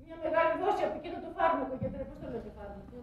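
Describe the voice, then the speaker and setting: An actress playing a loud, bossy, doting old matriarch in a stage drama, calling out with emotion. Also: female voice, high-pitched, animated, muffled recording. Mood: bustling. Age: older. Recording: echoey theatre stage, from far off.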